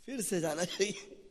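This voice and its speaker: A man giving a sermon as a preacher, telling the story in an animated way. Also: high-pitched. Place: temple hall. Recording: long reverb of a large hall.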